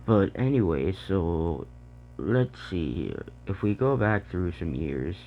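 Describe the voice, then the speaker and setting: A man's voice: sits low, sing-song, slow pace, highs cut off, a little hiss or hum. A man with a Boston accent, a rapper ranting bluntly and profanely about current issues in a casual vlog. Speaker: rapper and vlogger.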